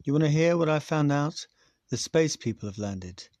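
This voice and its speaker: A man voicing an excitable, boastful schoolboy who eagerly tells news to his friends. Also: a little high, normal speed, no echo, pitched above the performer's own voice, lightly acted. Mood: excited.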